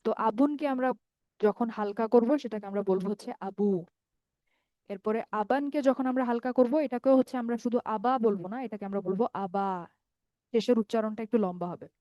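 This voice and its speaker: A woman with a Bangladeshi accent teaching grammar over a call, her voice dark and mellow. The sound is dry and close, with no room around it. She goes step by step, draws out the vowels of each word form and keeps checking that her students follow. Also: a little high, no room sound. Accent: Bangladeshi Bengali. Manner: patient, explains step by step, often checks with "ঠিক আছে?"; repeats word forms slowly and draws out long vowels. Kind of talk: online grammar lesson.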